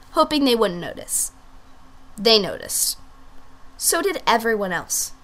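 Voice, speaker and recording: A spoiled little French bulldog girl holds court in this storybook reading, as a woman puts her on. She drawls and swoops dramatically through her lines, fairly high and very lively, with diva flair. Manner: theatrical, diva-like, swooping pitch. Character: sassy pampered five-year-old female French bulldog.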